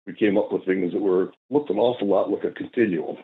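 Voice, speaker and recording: A man's voice: deep voice, a little fast, a little hiss or hum. An older man calling in to a talk show, hesitant and full of fillers as he explains his view. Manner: hesitant, many fillers and restarts. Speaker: caller. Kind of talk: call-in debate. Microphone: phone call. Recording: tinny phone line.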